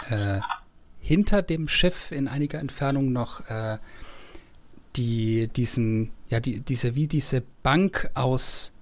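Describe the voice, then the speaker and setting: A man narrating as game master of a tabletop game, often pausing to search for words as he describes the scene. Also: mid-range voice, a little hiss or hum.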